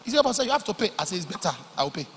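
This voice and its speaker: Man preaching, high lively voice, bright husky tone, long hall echo, loud emphatic bursts then low confiding asides. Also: rapid-fire. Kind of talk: sermon. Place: large church hall.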